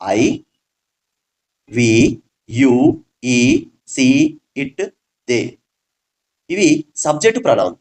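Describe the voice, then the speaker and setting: A man with a Telugu accent teaching English grammar. He reads each English example slowly, then asks the audience a question and answers it himself. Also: on the high side, a little mellow. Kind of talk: classroom-style grammar lesson.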